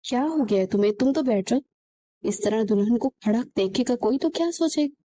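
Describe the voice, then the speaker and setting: An anxious young woman scolds and pleads with her runaway friend, as read by a woman narrator. Her voice sits fairly high and mellow, with an urgent push. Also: lively intonation, slight background noise, natural voice.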